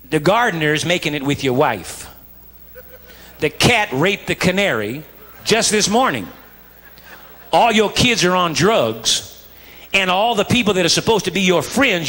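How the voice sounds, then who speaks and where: A man preaching a live sermon as pastor, in an animated, folksy way that swings from quiet asides to shouts. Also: sits high. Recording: long reverb of a large hall.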